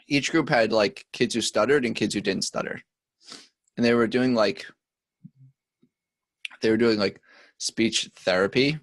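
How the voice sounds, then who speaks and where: A man's voice: lowish voice, unhurried, long pauses, dry recording. Young man telling a rambling story. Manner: rambling storyteller with filler words and profanity. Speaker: podcast co-host. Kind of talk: casual chat.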